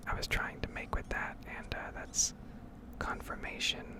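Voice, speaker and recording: Hosting an ASMR gaming video, a woman whispers the whole time in a breathy, unvoiced tone at a normal speed. She rambles through explanations analytically.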